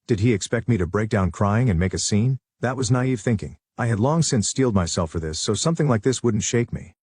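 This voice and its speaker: A man narrates a story in an even, matter-of-fact way. His voice is low and husky. The recording is close and dry. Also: brisk, no echo. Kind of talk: scripted first-person narration.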